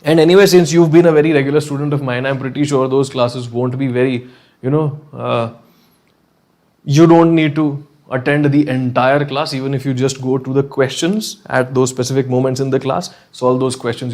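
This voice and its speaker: A man's voice: mid-range voice, fairly even intonation, normal speed, darkish tone. A man with a North Indian accent teaching a live online class conversationally, often checking in with short questions and slipping Hindi phrases into his English.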